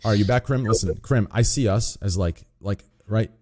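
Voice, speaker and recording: Young streamer bro with a low voice. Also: male voice, moderate pace, a little mellow. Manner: hyped gamer-bro talk full of slang and swearing. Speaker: live streamer. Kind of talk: casual livestream banter.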